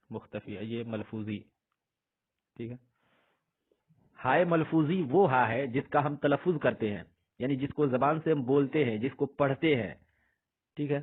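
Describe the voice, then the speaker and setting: A man teaching an Urdu grammar lesson. He asks a question, answers it himself, and says each example word slowly and more than once. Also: mid-range voice. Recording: husky voice on tinny phone-like audio.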